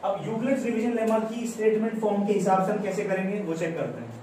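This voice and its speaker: A man's voice: high-pitched, fast talker, darkish tone. A man teaching a maths lesson in Hindi with English terms and an Indian accent, explaining step by step, repeating phrases and quizzing his students. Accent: Indian English mixed into Hindi. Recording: very echoey room, mic far off, faint background noise.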